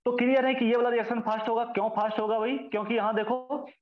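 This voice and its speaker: A man with a high voice lectures on chemistry, posing questions and answering them himself. His words ring out in a roomy space, and the recording sounds dull and lo-fi. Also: little pitch movement, fast talker. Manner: addresses students as children, repeats key terms. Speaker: chemistry teacher. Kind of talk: classroom lecture.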